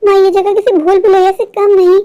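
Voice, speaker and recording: A woman's voice: very high voice, little pitch movement, brisk, warm tone, muffled recording. A woman voicing a stubborn young office worker who pleads anxiously and is often close to tears. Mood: panicked. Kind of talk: storybook voice acting.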